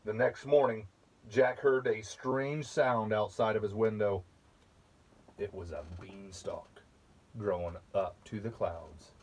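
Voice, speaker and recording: A man reading a children's picture book aloud, slowly and patiently, pausing to point out the pictures. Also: fairly low pitch, steady tone. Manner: slow, patient, with asides about the pictures. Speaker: storybook reader.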